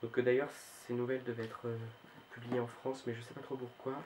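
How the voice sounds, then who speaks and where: A man's voice: mid-range voice, flat delivery, fast talker, darkish tone, slight background noise, poor audio. A man casually showing his book collection on his video channel, talking hesitantly with many fillers and restarts. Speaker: book vlogger.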